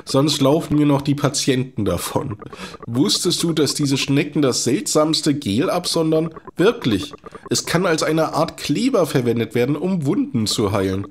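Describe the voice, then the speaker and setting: A man's voice: a little high, animated, measured pace, a little hiss or hum, voice pushed up. A man voicing a nervous, chatty middle-aged quack doctor, reading game dialogue aloud in a rambling, pleading way. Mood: fussy, chatty.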